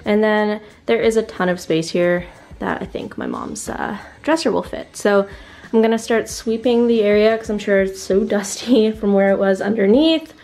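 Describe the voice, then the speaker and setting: A woman's voice: medium pitch, very animated, moderate pace, gravelly, a little mellow. A woman vlogging casually at home, chatty and full of "like" fillers. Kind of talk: casual vlog narration. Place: at home indoors.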